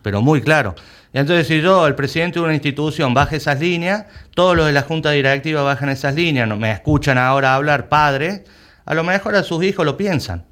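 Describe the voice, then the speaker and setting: The rugby club president from Argentina sounds a little high, fairly quick, and a bit bright. Speaking in Argentine Spanish during a conversational interview, he is emphatic and often repeats words while searching for them.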